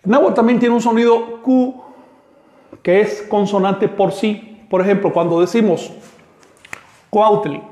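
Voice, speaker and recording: Guy with a high voice teaching a language class online, spells out sounds slow and repeats words, roomy echo. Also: fairly even intonation, warm tone.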